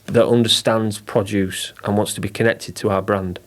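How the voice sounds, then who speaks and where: A middle-aged man with a Yorkshire accent, chatting excitedly as a guest in an interview. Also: fairly low pitch, moderate pace. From England. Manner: excitable, bursts of emphasis, chatty and informal. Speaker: marketing director, podcast guest. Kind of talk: enthusiastic interview chat.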